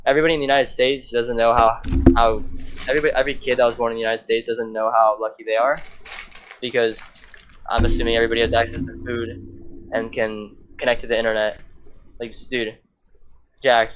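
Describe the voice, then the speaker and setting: A man's voice: medium pitch, fairly bright tone, slight background noise. A teenage man on a podcast chatting casually, hyped up and slangy, saying bro and dude a lot. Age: teens. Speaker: podcast co-host.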